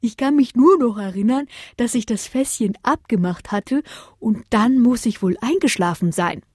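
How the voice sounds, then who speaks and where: A woman voicing a kind male Saint Bernard who speaks gently and calmly. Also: fairly high pitch, moderate pace, husky, dry recording, studio quality, voice pushed up. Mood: explaining.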